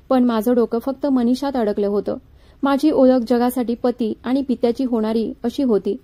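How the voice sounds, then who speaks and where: A woman narrating a dramatic story in a measured, even storytelling manner. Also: fairly high pitch.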